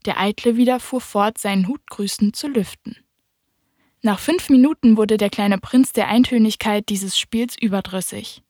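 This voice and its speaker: A woman narrating a storybook audiobook in a calm, even storytelling manner. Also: mid-range voice, moderate pace, no room sound, studio quality.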